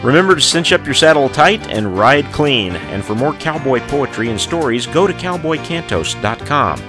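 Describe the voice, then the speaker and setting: A man's voice: medium pitch, big pitch swings, normal speed. A man hosting a show, reciting scripted cowboy poetry and stories in a folksy, rustic way with dropped g's. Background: guitar music.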